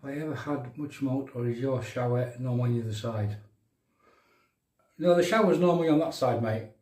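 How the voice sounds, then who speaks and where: Middle-aged male livestream host, County Durham accent, soft mellow tone, matey banter, recorded in a roomy bathroom away from the mic. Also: medium pitch, a little fast. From County Durham, England. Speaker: livestream host of a shaving show. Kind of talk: casual live chat with viewers while demonstrating shaving. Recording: roomy bathroom echo, distant microphone.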